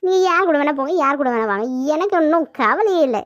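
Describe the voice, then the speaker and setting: A woman voicing a sharp-tongued, teasing young woman in a cartoon, firing back quick mocking retorts. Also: high voice, lively intonation, no echo. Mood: sassy. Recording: dull lo-fi sound.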